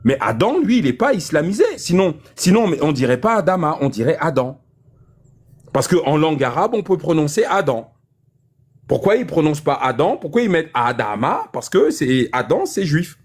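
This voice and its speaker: Insistent high-voiced man lecturing. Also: a little mellow, slightly rough. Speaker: debate speaker. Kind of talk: heated public debate.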